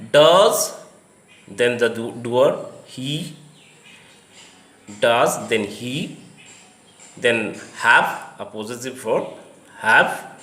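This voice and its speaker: Man, English teacher, very slow deliberate delivery, roomy echo. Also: medium pitch, a bit bright. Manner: slow, deliberate, explains step by step. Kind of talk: slow spoken English lesson.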